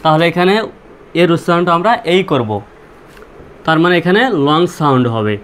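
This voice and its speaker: A man with a somewhat high voice teaches a language lesson at a slow, repetitive pace. He poses questions to his viewers and answers them himself, one step at a time. Faint noise hisses under the recording. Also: lively intonation, a bit bright. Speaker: English teacher.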